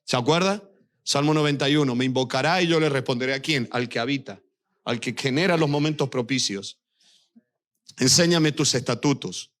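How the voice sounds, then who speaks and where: A man's voice: medium pitch, normal speed, a bit bright. A male pastor preaching a sermon, speaking directly to his church and weaving in personal anecdotes.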